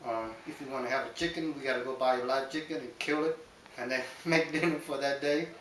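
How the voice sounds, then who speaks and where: A middle-aged man from Vietnam, describing his childhood in an oral history interview in a steady, matter-of-fact way with frequent ums. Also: mid-range voice, a little fast. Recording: roomy, distant mic with hiss.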